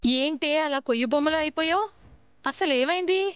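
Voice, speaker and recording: A woman's voice: high voice, moderate pace, lightly acted. An actress playing a scolding mother-in-law in a TV serial, on dull audio with faint noise.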